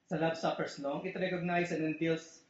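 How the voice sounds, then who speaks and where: A man's voice: a little high, level tone, normal speed. A man preaching a casual, joking sermon in a church, often asking his listeners "di ba?". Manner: chatty, joking, asks "di ba?" often. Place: church hall. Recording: echoey, muffled church recording.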